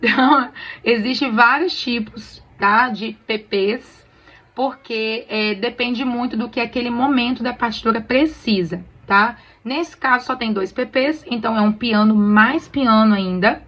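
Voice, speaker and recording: A Brazilian woman gently teaching church choir singers to read sheet music, often checking they follow along. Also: a little high, measured pace, lo-fi sound. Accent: Brazilian Portuguese. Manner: friendly, explains patiently with many "tá bom?" checks. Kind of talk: casual tutorial on reading sheet music.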